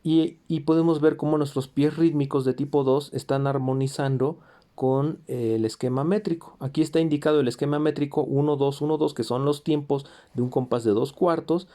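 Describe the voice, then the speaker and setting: Guy teaching music theory, mellow low-key voice, lots of eh and restarts, hums rhythms sometimes. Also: steady tone, normal speed. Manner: explanatory, with fillers and self-corrections; sings rhythms in syllables. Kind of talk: recorded music theory lesson.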